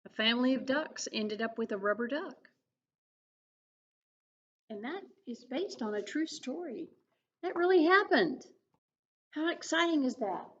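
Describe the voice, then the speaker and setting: A children's librarian, a woman, reading a picture book aloud with expressive storytelling and questions for young listeners. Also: sits high, a little slow, pauses often, husky, highs cut off. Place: public library.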